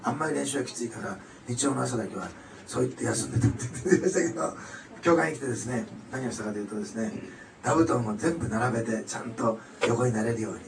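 Male pastor, rapid animated sermon delivery, roomy hall sound with faint ambience behind. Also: mid-range voice, vocal fry, recorded from a distance, background noise. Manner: animated, rising to loud emphatic passages then dropping soft. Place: church hall. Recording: echoey hall, mic some way off.

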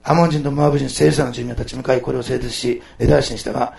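Gravelly fast-talking preaching man. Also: mid-range voice, fairly even intonation. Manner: impassioned preaching, swings from loud exclamations to soft asides. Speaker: pastor. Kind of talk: sermon. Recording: echoey room.

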